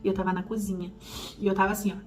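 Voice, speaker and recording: Heartfelt mom chatting to camera. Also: female voice, mid-range voice, little pitch movement, rapid-fire, a little mellow, poor audio. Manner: heartfelt, confiding, calls the viewers "gente". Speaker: parenting vlogger. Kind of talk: casual chat to the camera.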